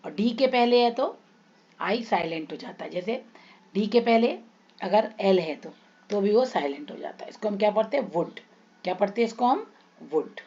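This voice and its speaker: A woman with an Indian accent teaching an English grammar lesson, repeating example words slowly and putting questions to her students. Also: medium pitch, animated, warm tone, lo-fi sound. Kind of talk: classroom lesson explaining rules.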